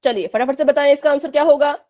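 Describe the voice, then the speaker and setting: A woman's voice: sits high, fast talker, warm tone. A woman teaching fractions in a live online class for children, explaining patiently, repeating checks, and giving firm warnings about chat behavior.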